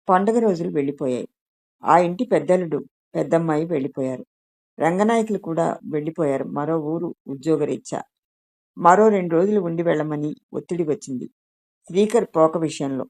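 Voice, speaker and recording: A woman calmly reading a written story aloud as narration. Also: low-pitched, no room sound, clean studio sound. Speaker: story reader. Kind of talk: scripted audiobook narration.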